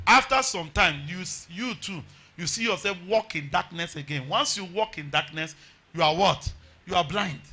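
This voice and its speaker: A man's voice: sits high, normal speed, sharp tone. A man with a Nigerian accent preaching a revival sermon, exhorting emphatically with repeated phrases and rhetorical questions.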